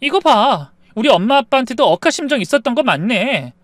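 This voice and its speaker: A man voicing an upset young wife who argues in a shrill, raised, accusing voice. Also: very animated, brisk, no room sound. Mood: angry.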